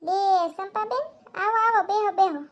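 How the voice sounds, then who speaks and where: A woman's voice: very high voice, moderate pace, dull audio. A woman voicing a lazy, hospitable but evasive housewife in a cartoon, with a Kathiawadi Gujarati accent. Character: lazy housewife lounging in front of TV.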